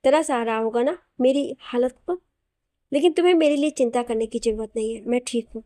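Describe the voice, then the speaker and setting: A woman's voice: a little high, brisk, dark tone, no echo, clean studio sound, close to an everyday voice. A woman voicing a young wife who is hurt and reproachful toward her husband. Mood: bitter. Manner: cold, reproachful.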